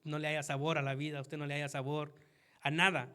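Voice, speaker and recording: A man preaching a sermon earnestly, talking straight to the congregation and swinging from quiet asides to loud emphasis. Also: on the high side, little pitch movement, brisk, clear, resonant tone. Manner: earnest, addresses listeners as "hermano".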